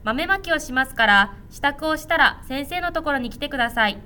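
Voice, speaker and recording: A woman's voice: high voice, animated, a little fast, pushed and bright. A woman voicing a kind female kindergarten teacher who gives polite instructions. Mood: instructive.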